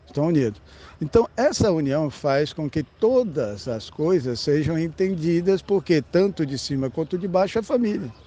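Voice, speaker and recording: A man's voice: a little high, animated, moderate pace, warm tone. A man with a Brazilian Portuguese accent giving a rambling esoteric monologue, blunt and emphatic, swearing casually and checking in with the listener. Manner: blunt, emphatic, sprinkled with profanity; addresses the listener directly with frequent "tá?". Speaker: esoteric spiritual speaker.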